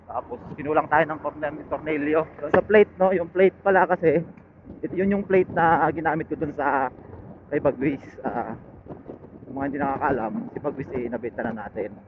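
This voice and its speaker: Out on his motorcycle, a Filipino-accented vlogger with a fairly high-pitched voice muses aloud to viewers in halting, casual, unscripted chat. Heavy engine and road noise surrounds him, captured through a phone-like helmet intercom headset linked to an action camera.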